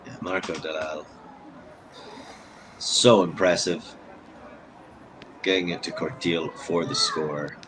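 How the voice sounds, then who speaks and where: Low-voiced man commentating ultimate. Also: steady tone, slow pace, long pauses, background noise. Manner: chatty, analytical, self-deprecating asides. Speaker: sports commentator. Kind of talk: live play-by-play commentary.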